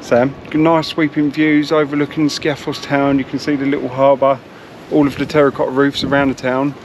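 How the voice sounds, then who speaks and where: A man's voice: medium pitch, level tone, moderate pace, a little hiss or hum, low-quality recording. Chatty man vlogging outdoors. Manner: chatty, blunt, swears casually. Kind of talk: casual travel vlog. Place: outdoors in a town street.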